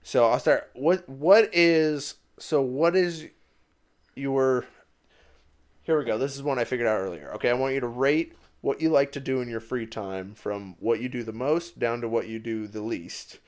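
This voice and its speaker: A man hosting a casual podcast chat, animated and quick to laugh, often restarting his sentences. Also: mid-range voice. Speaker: podcast host.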